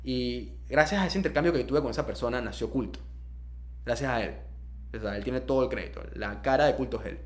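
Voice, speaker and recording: A young Panamanian man speaks at a quick clip in an ordinary mid-pitched voice. He tells personal stories casually, as an interview guest would, dropping slang and English words into his talk.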